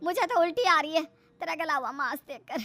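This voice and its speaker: A woman's voice: extremely high pitch, expressive, fairly quick, sharp tone, faint music behind, heavily acted. Bossy old mother-in-law. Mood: scolding. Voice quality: scolding, domineering. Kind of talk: cartoon voice acting.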